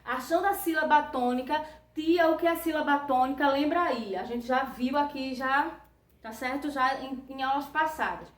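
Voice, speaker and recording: A woman's voice: sits high, moderate pace, distant mic. A Brazilian woman teacher giving a patient grammar lesson to children, checking in with a tag question after each phrase. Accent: Brazilian Portuguese. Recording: roomy echo, voice a bit off-mic.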